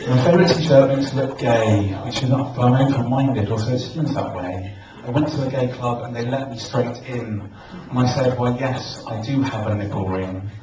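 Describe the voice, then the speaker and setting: A man doing a stand-up set with deadpan one-liners and pauses before punchlines, recorded from the back of a small comedy club. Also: mid-range voice. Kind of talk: stand-up at an open mic. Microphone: camcorder at the back of the room. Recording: echoey, dull, noisy camcorder recording from far off.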